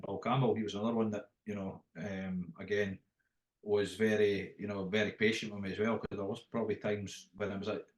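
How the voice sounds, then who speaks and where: A middle-aged man with a Dundee Scottish accent talks in a fairly low voice, in an echoey room. He reminisces casually as an interview guest, rambling and often restarting his phrases. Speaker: interview guest, after-dinner impressionist. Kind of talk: casual anecdotal interview talk.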